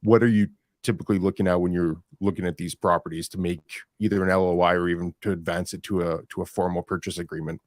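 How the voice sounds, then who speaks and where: A man hosting a live interview, reading out viewer comments and asking relaxed follow-up questions. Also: low-pitched, quick pace, no room sound, clean studio sound. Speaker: interview host. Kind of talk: casual interview talk.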